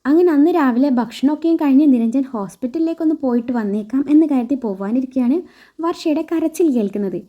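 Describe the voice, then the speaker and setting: A woman storyteller reading a scripted romantic story in a steady, expressive way. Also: high voice, dull audio.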